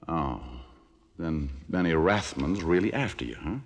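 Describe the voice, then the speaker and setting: A man's voice: deep voice, expressive, unhurried. An actor playing a wisecracking, hard-boiled male private detective in 1940s radio style, wry and sardonic. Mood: wry, defiant.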